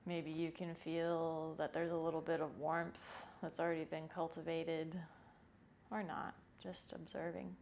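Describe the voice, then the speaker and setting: Low-pitched, creaky-voiced woman teaching breathing. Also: slight background noise. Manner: calm, unhurried, informal instruction. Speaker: yoga breathing instructor. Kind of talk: guided follow-along breathing lesson. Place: small indoor yoga room. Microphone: lapel microphone.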